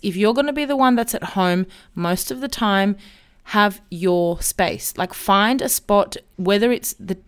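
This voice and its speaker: A woman in her thirties hosts her own podcast, talking about her life in a solo monologue that is candid, chatty and self-reflective. Her medium-pitched voice is clear with a resonant tone.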